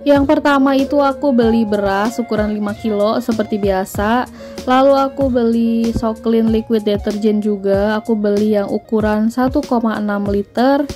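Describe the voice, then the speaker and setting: A woman's voice: on the high side, steady tone, moderate pace, darkish tone, soft background music. A woman, chatting through a grocery haul voice-over and listing prices. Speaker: vlogger.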